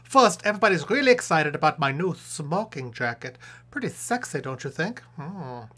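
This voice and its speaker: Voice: mid-range voice, very animated, normal speed, pushed and bright. Hans von Puppet, a cheeky male puppet professor, as a performer puts him on. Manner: playful, jokey, drops to asides. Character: male puppet sex-advice professor, cheeky and self-amused. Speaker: advice show host. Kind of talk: comedic advice monologue.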